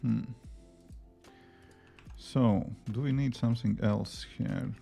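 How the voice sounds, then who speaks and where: A man's medium-pitched, dark voice with vocal fry keeps a steady tone at a slow pace, soft music playing behind. As a livestreaming app developer and native Latvian speaker with a Latvian accent, he chats casually on a coding stream, rambling through chat questions between tasks and using many fillers.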